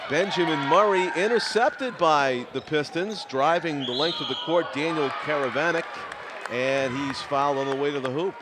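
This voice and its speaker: A man's voice: on the high side, normal speed, a crowd in the background. A man doing play-by-play commentary for a youth basketball game in a school gym. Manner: steady play-by-play calling names. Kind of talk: local sports commentary. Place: school gymnasium. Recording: noisy gym ambience.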